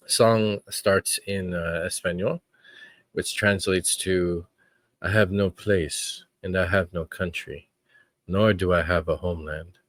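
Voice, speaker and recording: A man hosting his own podcast, talking in an earnest, reflective way with frequent pauses. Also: low-pitched, no echo. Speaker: podcast host. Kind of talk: casual podcast commentary.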